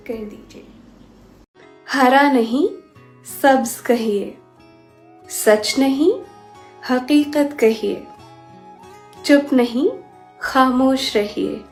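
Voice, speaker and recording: Slow, carefully enunciating woman teacher. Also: on the high side, a little mellow. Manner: careful, deliberate enunciation, correcting words. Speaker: language teacher. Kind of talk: slow vocabulary lesson reel. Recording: echoey room with faint background music.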